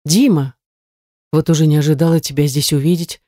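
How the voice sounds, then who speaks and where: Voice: medium pitch, steady tone, a little fast, warm tone, no room sound, clean studio sound, natural voice. A reader voicing a wary young woman heroine in an audiobook, giving terse, reluctant replies. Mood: guarded. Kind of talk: audiobook character reading.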